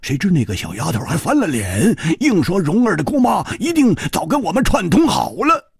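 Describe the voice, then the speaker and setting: A man voicing a boisterous young swordsman in a storytelling audiobook, talking high and fast with many fillers. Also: huge pitch swings, gravelly, slightly rough, dry recording, studio quality, exaggerated voice. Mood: excited.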